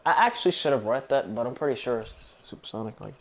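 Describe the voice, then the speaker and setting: A fast-talking man with an expressive mid-range voice rambles casually through commentary on his own gameplay, swearing freely. Video game music plays in the background.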